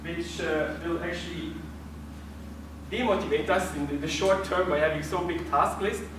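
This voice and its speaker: A man's voice: a little high, fairly even intonation, moderate pace. Hesitant man presenting in an echoey room. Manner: hesitant, many restarts. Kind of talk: group presentation. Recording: echoey room from far off with noise.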